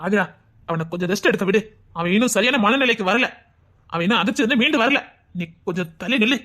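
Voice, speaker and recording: An earnest village man , played by a comic actor, who soothes his wailing aunt in a bright, mid-pitched voice. He speaks with a Tirunelveli Tamil accent and drops grumbling asides. The tone is comedy skit drama. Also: lively intonation, fast talker, lightly acted. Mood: consoling.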